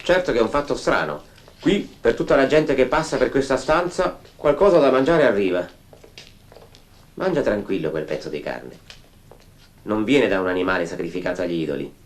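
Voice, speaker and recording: Man acting kindly host, reassuring, gentle, slightly low voice, film scene. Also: lively intonation, normal speed, natural voice. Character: kindly male host urging a guest to eat.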